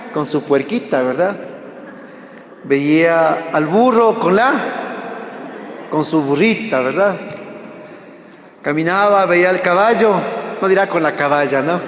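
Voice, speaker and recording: A man preaching a sermon to a live audience, fervent and direct, swinging between loud exhortation and hushed tones. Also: high-pitched. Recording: echoey hall with long reverb.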